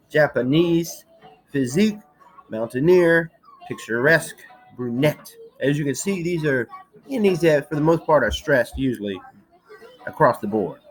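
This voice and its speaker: A woman with an unusually deep voice talks through a recorded slideshow lesson. She keeps a loose, chatty manner and checks in with listeners by saying "okay". Faint music plays in the background. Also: a little mellow, poor audio. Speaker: teacher.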